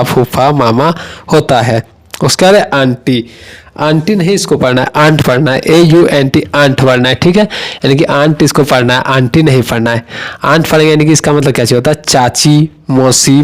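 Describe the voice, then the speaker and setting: A man giving an online lesson, teaching English words for family members and asking himself rhetorical questions as he explains. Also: medium pitch.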